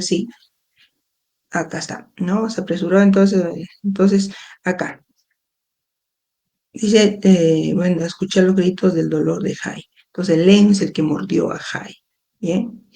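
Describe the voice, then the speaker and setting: A woman hosting a live book club, reading a book aloud and pausing for frequent explanatory asides to her listeners. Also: fairly low pitch, mellow. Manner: reads slowly, adds frequent explanatory asides. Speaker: educator and book club host. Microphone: phone or webcam livestream.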